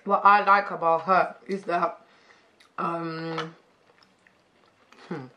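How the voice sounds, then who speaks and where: A woman's voice: fairly low pitch, little pitch movement, extremely slow, a little hiss or hum. A woman in her twenties hosting a casual sister tag chat on her channel, playful and teasing. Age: 20s. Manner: playful, teasing, dips into quiet whispers. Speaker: YouTube host. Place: living room couch indoors.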